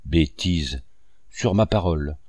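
A man's voice: extremely low pitch, slow pace, darkish tone, breathy edge, no room sound, studio quality, heavily acted. A man voicing a greedy, mocking male accomplice who blackmails in a sneering, taunting way.

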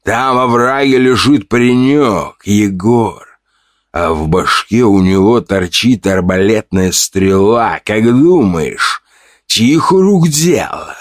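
In an audiobook, a deep-voiced man plays a cruel, scarred bandit leader who sneers with mockery and contempt, often pushing his low voice higher in scorn. His intonation is lively and his pace slow. The recording is dry and close, with no echo.

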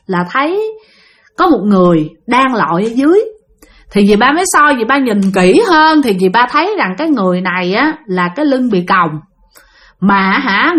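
A woman's voice: a little high, fairly bright tone. A woman telling a ghost story, addressing her listeners directly.

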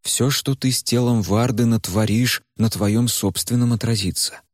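A man voicing a protective male fire spirit in a measured, steady way. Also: mid-range voice, dry recording, clean studio sound, natural voice. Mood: exasperated. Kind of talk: audiobook character voice.

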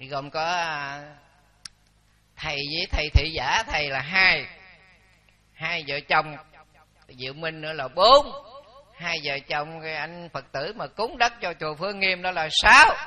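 A man in his seventies, a Buddhist monk, telling stories in a dharma talk with lively quoted dialogue. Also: on the high side. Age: 70s. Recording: dull lo-fi recording.

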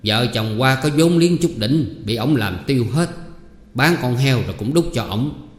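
A grasping peasant husband in a storybook reading, hesitant and haggling, with pauses full of filler sounds, as a man reads him. The voice sits in a roomy hall with long reverb. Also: mid-range voice, animated, natural voice. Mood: grumbling.

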